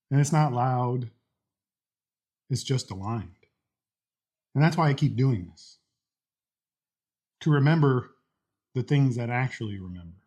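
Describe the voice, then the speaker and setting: A man speaking earnestly and deliberately in short phrases, as a vlogger giving a faith-based motivational talk. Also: mid-range voice, darkish tone, slightly rough. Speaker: host of a daily challenge vlog.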